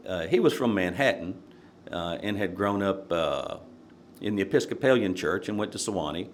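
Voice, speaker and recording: An older man from Nashville, Tennessee, a podcast guest running as a court candidate, tells stories in a relaxed, rambling way during a casual interview, pausing often for fillers and chuckling as he goes. His voice sits low and moves at a moderate pace. A faint hum runs beneath the recording.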